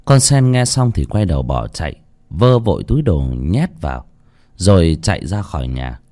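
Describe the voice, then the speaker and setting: A man narrating a horror story in a dramatic, expressive way. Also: sits low, moderate pace.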